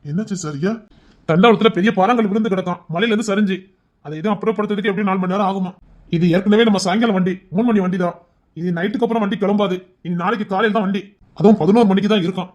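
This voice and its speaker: A voice actor performing an audio drama, talking in a quick, urgent and reassuring way. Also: mid-range voice, a little mellow, highs cut off.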